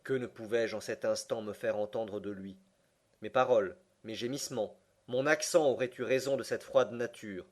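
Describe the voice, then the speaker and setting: A man's voice: on the low side, moderate pace, darkish tone. Man reading a novel aloud. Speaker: audiobook reader. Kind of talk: scripted narration.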